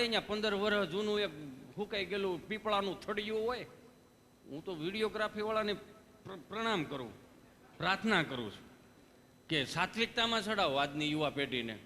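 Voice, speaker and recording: High, bright Kathiawadi Gujarati man. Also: long reverb tail, a little hiss or hum. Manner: folksy storytelling with preachy asides. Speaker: stand-up comedian. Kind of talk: live stage comedy monologue.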